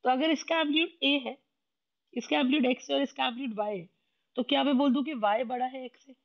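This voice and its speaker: A woman's voice: high-pitched, steady tone, fast talker, vocal fry. Hindi-speaking woman teaching chemistry, lo-fi. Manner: explains step by step, often repeats questions. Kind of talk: classroom lecture.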